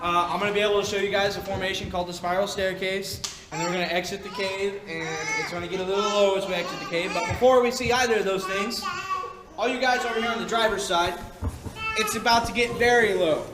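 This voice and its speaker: A man's voice: sits high, fairly even intonation, fast talker. A man working as a cave tour guide, talking to his group in a jokey, informal way. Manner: jokey, informal, addresses group as "you guys". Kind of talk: guided tour patter, explaining and joking to a group. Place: inside a cave, on an open tour vehicle. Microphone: picked up from a distance by a passenger's recorder. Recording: echoey cave, distant, with people and vehicle noise.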